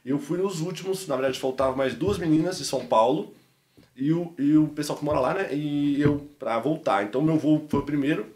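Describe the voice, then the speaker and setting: A Brazilian man with a Mineiro accent, a podcast guest telling a personal story in an animated, slangy way. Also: on the high side, a little fast, reverberant. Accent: Mineiro Brazilian Portuguese. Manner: animated, slangy, peppers speech with "mano" and "velho". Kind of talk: casual storytelling testimony.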